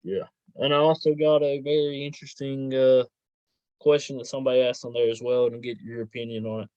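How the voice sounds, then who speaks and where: A man's voice: medium pitch, little pitch movement, a little fast, darkish tone, clear, resonant tone, no room sound. A man hosting a casual interview, reading out items and putting questions to his guest, on a lo-fi recording. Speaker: host, interviewer.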